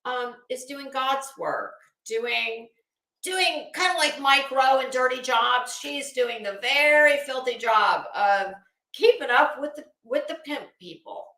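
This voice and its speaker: A middle-aged woman hosts a casual livestream, rambling through gossipy, sarcastic chat. Her high-pitched voice is bright and forceful but slow, and the audio is poor and reverberant.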